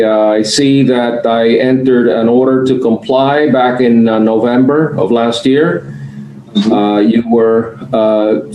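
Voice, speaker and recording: A man presiding over a formal hearing as magistrate, explaining rulings in a measured, halting way. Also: medium pitch, warm tone. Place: online public hearing on video call. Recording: echoey room, faint background noise.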